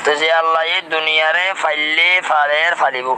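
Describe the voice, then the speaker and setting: A man with a Rohingya accent teaching a religious lesson, deliberately repeating phrases and reciting Arabic prayers for learners. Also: a little high, little pitch movement, background noise. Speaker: Islamic teacher.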